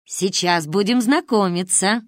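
A woman reading aloud and voicing a stern, sharp-tongued old grandmother with a gruff, commanding manner. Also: medium pitch, very animated, unhurried, no room sound. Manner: gruff, commanding, dry mocking.

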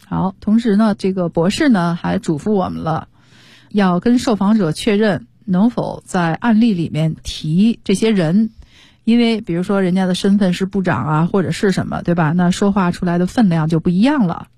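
A woman's voice: on the low side, normal speed, mellow, no echo. A woman teaching English on the radio, explaining step by step in a patient way. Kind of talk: bilingual radio language lesson.

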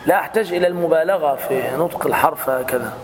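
A man with an Egyptian accent teaching Quran recitation, patiently correcting a student and repeating sounds slowly. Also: on the high side, a crowd in the background. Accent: Egyptian Arabic. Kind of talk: correcting recitation in a live class. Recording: roomy hall reverb.

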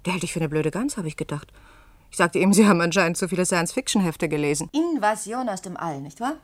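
In a science-fiction radio play, an actress with a lowish voice and lively intonation plays a skeptical, sharp-tongued radio journalist. Her manner is brisk, sardonic and challenging, with a mocking mood.

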